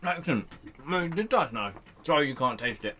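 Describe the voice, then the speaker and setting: A man co-hosting a laid-back car news chat, joking between facts and reading out dry press text. His voice is bright and sits a little high. His pitch swings widely as he talks. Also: animated, moderate pace, a little hiss or hum. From United Kingdom. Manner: chatty, joking, reads press release aloud. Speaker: podcast co-host. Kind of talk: casual chat. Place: shed.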